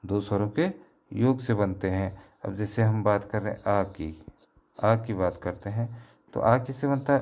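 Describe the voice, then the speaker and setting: A man's voice: on the low side, a little mellow. A man teaching a grammar lesson to children, repeating each point and asking questions that he then answers himself. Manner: slow, repetitive, asks and answers own questions. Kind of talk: classroom lesson explaining grammar.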